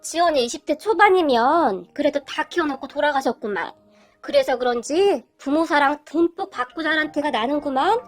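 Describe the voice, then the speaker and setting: A woman's voice: high voice, lively intonation, moderate pace, faint music behind. A woman voicing a fiery, outspoken middle-aged mother-in-law who scolds indignantly. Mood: teasing.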